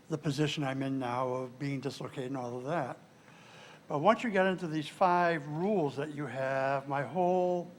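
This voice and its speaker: A man's voice: a little high, a little hiss or hum. A man speaking as an audience member at a live event, casually sharing a personal story.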